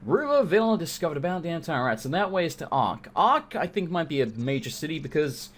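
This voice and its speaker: A man's voice: fairly high pitch, lively intonation, brisk, fairly bright tone. A man hosting a let's play, giving casual, joking gaming commentary with informal, sweary talk.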